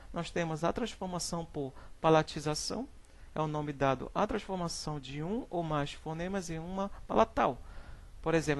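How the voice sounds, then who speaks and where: A young adult male teacher with a Brazilian Portuguese accent presents a lesson from slides, saying each example word slowly and often checking in with "né?" and "certo?". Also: fairly high pitch. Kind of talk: classroom slide presentation on phonetics.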